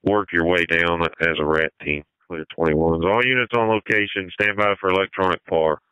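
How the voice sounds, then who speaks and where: A man's voice: low-pitched, steady tone, moderate pace, clear, resonant tone, no room sound. A man giving terse orders as a fire incident commander over a two-way radio. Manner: terse, directive. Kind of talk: firefighter radio dispatching. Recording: dull, band-limited fire radio channel.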